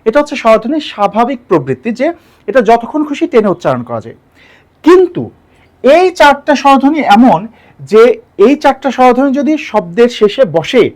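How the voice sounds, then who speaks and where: A man's voice: very high-pitched, big pitch swings, brisk, long pauses, a little mellow. A man teaching a Bengali grammar lesson for exam preparation, explaining step by step, repeating key points and putting questions to the viewer. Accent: Bangladeshi Bengali.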